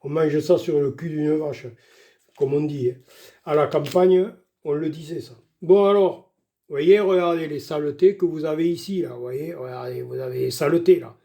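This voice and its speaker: Older male home cook, folksy and chatty, high pitch, warm dark tone. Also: moderate pace, creaky. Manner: chatty, folksy, keeps saying "voilà" and "doucement". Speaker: home cook showing a recipe. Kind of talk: casual cooking demonstration.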